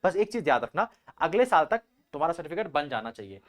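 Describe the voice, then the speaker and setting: A young man coaching students for an entrance exam, talking very fast in a casual, explanatory way. His voice sits fairly high for a man, and he keeps repeating points and calling his listeners bhaiya. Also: sing-song, fairly bright tone.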